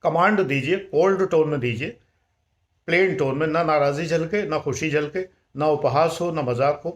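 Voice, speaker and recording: Older male speaker, calm explanatory advice, slightly high voice. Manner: measured, explanatory, mixes in English words. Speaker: life management speaker.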